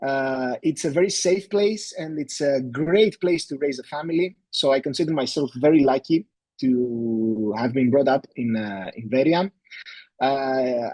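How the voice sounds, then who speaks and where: Man, husky voice, dry close sound, halting webinar presenter. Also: fairly high pitch, darkish tone, dry recording. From Greece. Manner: hesitant, many fillers and restarts.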